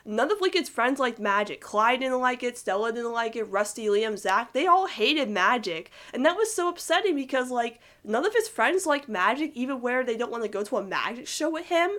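Young woman fangirling about a cartoon, kinda high voice, rambly and giggly, says like a lot. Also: lively intonation, moderate pace, hardly any pauses, a bit bright. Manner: gushing, rambling, heavy use of "like", giggly. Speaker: cartoon fan reviewer. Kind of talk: excited casual fan commentary.

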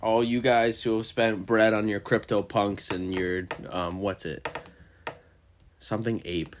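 A man co-hosting a gaming podcast, relaxed and joking as he chimes in with short remarks. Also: on the low side, measured pace. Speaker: podcast co-host. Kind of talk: casual gaming podcast chat. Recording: clear background noise.

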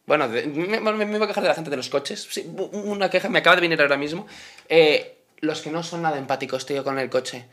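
A young man, chatting excitedly as podcast co-host, often stumbling and repeating his words. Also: on the high side, fast talker. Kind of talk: casual chat.

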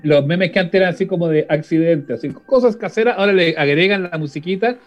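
A man's voice: on the high side, fast, highs cut off. A middle-aged Chilean man hosting a podcast in casual, slangy conversation. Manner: colloquial, slangy. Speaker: podcast host. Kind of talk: casual chat.

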